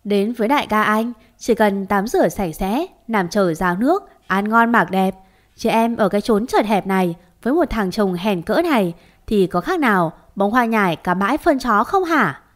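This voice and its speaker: A crude male gangster, bullying and mocking, every line a sneer at a mid-range pitch. A woman storyteller does him in her own voice. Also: expressive, normal speed, natural voice. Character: coarse bullying male gangster debt collector.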